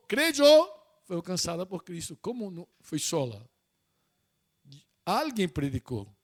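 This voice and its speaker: High-voiced man preaching a sermon. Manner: mixes Portuguese and Spanish, emphatic repetitions.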